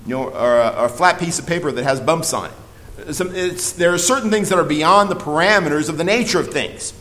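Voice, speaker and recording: A man's voice: a little high, a little fast, bright, forceful tone, low-quality recording. A man teaching a Bible study, earnest and emphatic, with frequent fillers and restarts.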